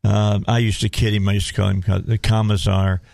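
A man's voice: lowish voice, little pitch movement, brisk, creaky, darkish tone, dry recording, clean studio sound. A man with a Southern US accent hosting a casual talk radio show in a folksy way, often repeating phrases as he goes.

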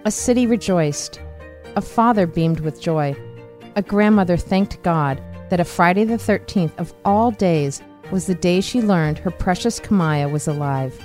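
A woman investigative reporter narrates a podcast in a measured, earnest way. Her voice is mellow and a little low, with faint music beneath her. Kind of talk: scripted narration.

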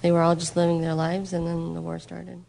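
A woman's voice: on the low side, completely flat delivery, brisk, vocal fry, dark tone. A woman working as a live interpreter, translating a man's words into English in loose, casual phrasing full of "like" and "um.". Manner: loose conversational phrasing with frequent "like" and "um".

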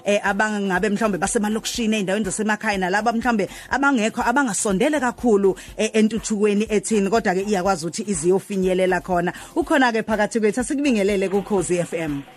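A woman's voice: medium pitch, very fast, few pauses. A woman with a Zulu accent presenting a radio show in a conversational style as host.

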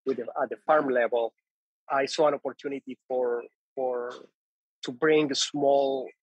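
A man's voice: mid-range voice, fairly even intonation, unhurried, breathy edge, no room sound, muffled recording. A man from Colombia, speaking English as a second language, who tells his story as a guest in an interview, stopping often to restart and repeat words. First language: Spanish. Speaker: guest, coffee importer. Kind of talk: conversational interview.

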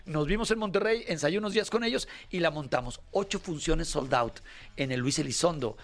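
A man's voice: fairly high pitch, brisk. A middle-aged man with a Mexican accent hosting a casual chat and telling stories, acting out the quoted dialogue. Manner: storytelling, acts out quoted dialogue. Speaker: host.

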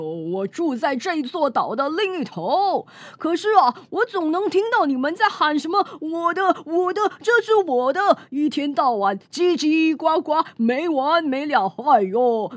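Storybook toad, old and grumbling, slow weary scolding, woman doing the voice. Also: high voice, dry recording.

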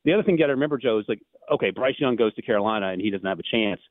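Man, draft analyst on a phone call, very low voice, rapid delivery, repeats words while restarting, thin phone-line sound. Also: lively intonation, no echo. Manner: fast, rambling, repeats words when restarting. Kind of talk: sports radio analysis over the phone.

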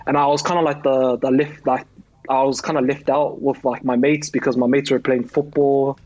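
A man's voice: medium pitch, normal speed, no echo, lo-fi sound. A young man from New Zealand, a rugby league player, chatting casually in an interview with lots of fillers. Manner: relaxed, many fillers and likes.

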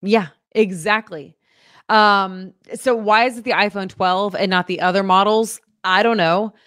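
A woman co-hosting a casual local news show, chatting in an upbeat, animated way. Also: medium pitch, unhurried, no room sound, studio quality.

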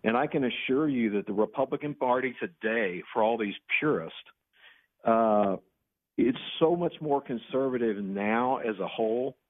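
A man's voice: medium pitch, normal speed. Older man on a crackly, fading phone line. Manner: rambling, insistent, many restarts. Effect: caller on a crackly phone line that fades in and out. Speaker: radio show caller. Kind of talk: political call-in talk. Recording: tinny phone line, breaking up.

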